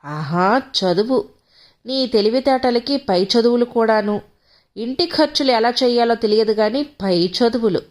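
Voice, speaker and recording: A woman's voice: a little high, animated, unhurried. A woman reading the lines of a man, an arrogant young husband who mocks and berates his wife. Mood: sneering. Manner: mocking, berating.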